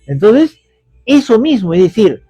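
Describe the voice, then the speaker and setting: A man's voice: sits high, very animated, unhurried, warm tone, breathy edge, no echo. A male pastor giving a conversational sermon full of rhetorical questions and tag questions.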